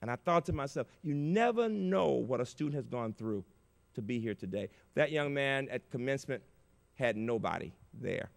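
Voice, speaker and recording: An older man giving an inspirational keynote speech at a conference, telling stories with big emotional swings in loudness. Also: medium pitch, expressive, moderate pace, creaky. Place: large conference auditorium. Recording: reverberant conference hall.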